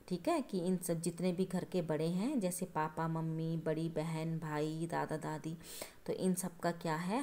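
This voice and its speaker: A woman with a slightly low voice teaches young children. She explains a poem line by line, going over each point again and pausing often to check they follow. Her manner stays patient and steady. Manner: patient, repetitive explaining with frequent checking asides; addresses listeners as children. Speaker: schoolteacher.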